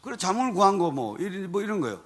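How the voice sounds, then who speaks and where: A man speaks to a church gathering as a lawyer, his voice pitched high and swinging widely up and down. He rambles through his account with frequent chuckles and asides, talking straight to the crowd. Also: very animated, fast, fairly bright tone. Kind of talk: animated storytelling speech to a crowd.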